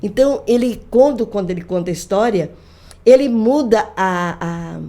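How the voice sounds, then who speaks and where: An older woman, a grandmother, chatting on a podcast and retelling family stories with lively quoted voices. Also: medium pitch, unhurried. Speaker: guest, folklorist. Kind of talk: casual storytelling conversation.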